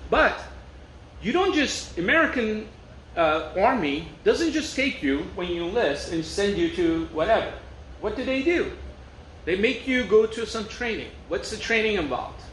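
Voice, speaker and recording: A man's voice: high voice, sing-song, measured pace, a bit bright. Man from Turkey preaching in an echoey room. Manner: conversational, storytelling with rhetorical questions. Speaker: pastor. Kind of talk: sermon. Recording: echoey room with faint noise.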